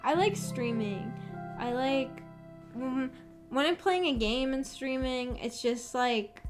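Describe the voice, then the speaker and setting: A young adult woman streamer chats casually with her live chat in a high, slow voice, rambling hesitantly and putting herself down, with background music playing under her voice.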